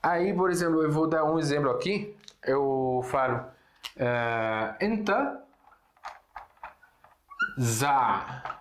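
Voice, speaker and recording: A man's voice: on the high side, fairly even intonation, unhurried. A man from Syria giving a casual language lesson. He explains patiently, repeats words and keeps checking in with the listener. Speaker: Arabic teacher. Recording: roomy echo.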